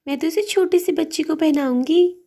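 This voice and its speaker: A woman's voice: sits high, normal speed, creaky, dark tone, pitched above the performer's own voice. Woman doing chatty young sister-in-law. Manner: chatty, teasing, respectful to elder. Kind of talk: doll story voice acting.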